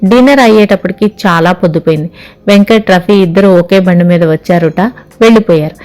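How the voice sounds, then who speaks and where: Low-voiced woman reading a story. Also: fairly quick, soft background music. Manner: steady, reflective first-person reading. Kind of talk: audiobook narration.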